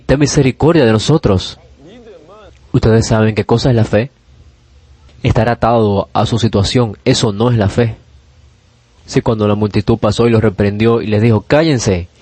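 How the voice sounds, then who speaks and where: Low-voiced man preaching earnestly. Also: a little mellow, no room sound. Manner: earnest, repetitive emphatic preaching. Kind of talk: sermon.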